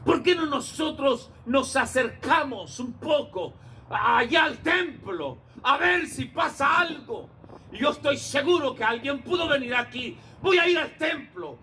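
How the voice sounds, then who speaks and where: A male pastor giving a sermon, telling a Bible story, shouting out the characters' lines and calling his listeners brother. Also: very high-pitched, animated, a little slow, a little hiss or hum. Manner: storytelling preacher, shouts acted lines, addresses listeners as hermano.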